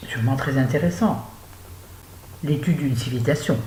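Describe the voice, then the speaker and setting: A woman's voice: very deep voice, moderate pace, mellow. An older woman from France chatting about books in a rambling, self-mocking, exclamatory way, recorded at home. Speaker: book vlogger. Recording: echoey room with faint hum.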